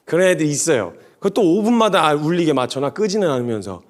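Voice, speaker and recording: A man preaching a sermon to young adults, animated and storytelling with humorous asides. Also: fairly high pitch, quick pace.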